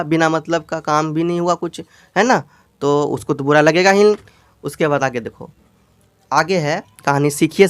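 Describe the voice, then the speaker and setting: A man with a Hindi accent teaching English from a storybook, reading each English line very slowly and explaining it again, often asking his students questions. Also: a little high, clean tone, no echo. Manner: reads English lines very slowly, word by word.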